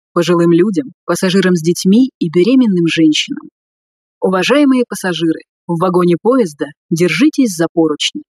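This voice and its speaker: A woman reading scripted subway announcements in a formal, measured way. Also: lowish voice, a little mellow, slightly rough, dry recording, clean studio sound.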